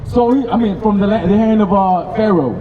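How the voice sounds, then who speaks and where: A man preaching on a city street, loud and emphatic, quizzing passers-by with questions. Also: sits high, brisk, phone-quality sound, slight background noise. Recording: distant, echoey street recording with music.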